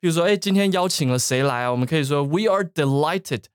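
A man hosts a bilingual English vocabulary lesson, his speech swinging up and down in pitch as he quizzes his co-host. The sound is close and dry, with no room around it. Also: fast, clean tone, no room sound. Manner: lively, questioning, prompts co-host.

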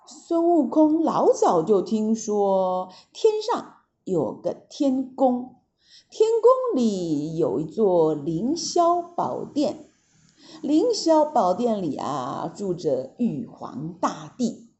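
A woman narrating a classic tale for children, slow and expressive, speaking directly to her listeners. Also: medium pitch, highs cut off. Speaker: storyteller.

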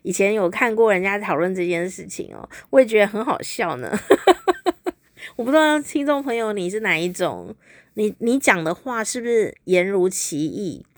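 A woman's voice: mid-range voice, very animated, normal speed, no room sound, studio quality. A woman hosting a podcast, telling a story in a chatty, playful way and laughing often. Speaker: podcast host. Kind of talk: casual storytelling monologue.

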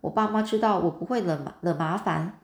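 A woman's voice: lowish voice, brisk, lightly acted. A woman voicing a friendly, playful twelve-year-old boy in a storybook reading, recorded in a roomy space. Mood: easygoing. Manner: easygoing, teasing.

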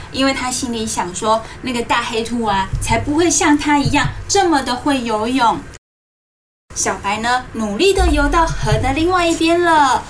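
A woman hosts a children's story programme, reading as if to a toddler, in animated simple phrases with coaxing questions. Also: fairly high pitch, far from the mic, slight background noise, rough recording. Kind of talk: interactive storytelling to young children, asking questions. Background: music.

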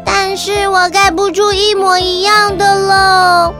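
A woman's voice: very high voice, flat delivery, slow pace, music in the background. A woman playing a tender, sensitive little girl with a childlike, wondering manner in a children's story. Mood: upset.

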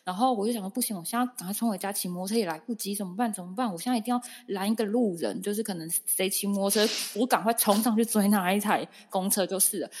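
A woman's voice: medium pitch, quick pace, few pauses, slightly rough. A young woman, co-hosting a podcast and dramatically retelling a story in casual chat. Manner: lively, dramatic retelling with acted-out asides. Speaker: podcast co-host.

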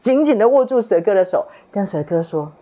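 A woman's voice: mid-range voice, animated, brisk, warm tone. A middle-aged woman sharing a personal faith testimony at a book club, retelling it dramatically with many fillers. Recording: dull lo-fi recording.

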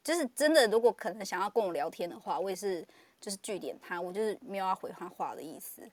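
A woman's voice: medium pitch, animated, fast, no room sound. A woman with a Taiwanese Mandarin accent, chatting and reacting casually as a show host. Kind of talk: casual chat.

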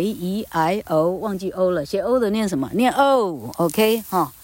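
A woman's voice: on the low side, darkish tone, no echo. A woman giving a casual English grammar lesson, chatty and full of tag particles. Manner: chatty, frequent "ha" tag particles, calls herself 老客.

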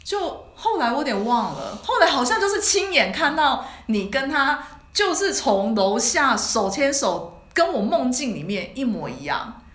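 Brief: lively woman co-host, fairly high voice, storytelling, echoey room. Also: normal speed, hardly any pauses. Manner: animated, quotes friends in lowered voices. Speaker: podcast co-host. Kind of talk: casual storytelling chat.

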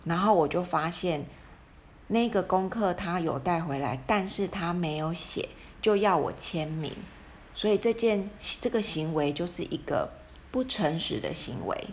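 A woman's voice: lowish voice, lively intonation, measured pace, a little hiss or hum. A mother telling a parenting story in casual conversation, acting out quoted dialogue and often restarting her sentences. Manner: retells scenes with quoted dialogue, frequent restarts. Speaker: mother sharing parenting experience.

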